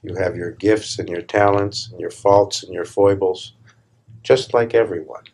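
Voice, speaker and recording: A deep-voiced man serves as a spiritual teacher leading a guided meditation. His husky, gravelly delivery is calm and deliberate, built from short phrases and measured pauses.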